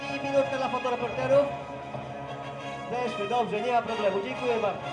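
A man calls out results through a megaphone, his very high voice spreading in echo. He reads names slowly and formally and keeps asking for attention. Music plays behind him. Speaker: event announcer. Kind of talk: announcing competition results. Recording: echoey loudspeaker sound with music behind.

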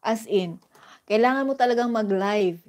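A woman's voice: a little high, moderate pace, a little mellow. Chatty Filipino woman live-streaming. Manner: chatty, greeting viewers by name, mixing English into Filipino; encouraging, sisterly advice. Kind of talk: casual live-stream chat.

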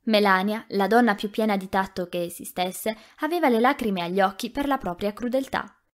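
Woman narrating an audiobook, mid pitch. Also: brisk. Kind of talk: scripted narration.

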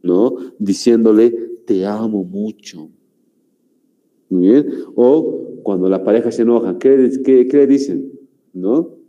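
A man from Bolivia teaching a grammar class, speaking slowly and repeating himself, forever checking in with "¿no?" and "muy bien". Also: mid-range voice, dull audio. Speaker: language teacher.

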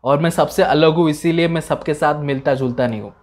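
A young man hosting a music reaction, talking casually and excitedly, dropping "man" and "bro" and switching between English and Hindi. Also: fairly high pitch, a little fast.

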